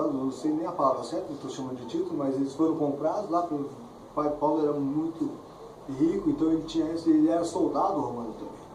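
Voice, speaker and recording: A man's voice: a little high, a little mellow. A man preaching a conversational sermon, often tagging his sentences with "né?". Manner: conversational preaching, frequent "né?" tags. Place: church hall. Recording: echoey church, far mic, clear background noise.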